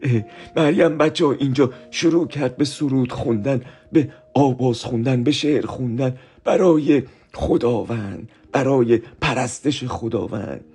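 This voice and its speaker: A man's voice: medium pitch, a little mellow, breathy edge, faint music behind. A man telling a Bible story to children, explaining each verse again in simple words and often turning to the children with asides.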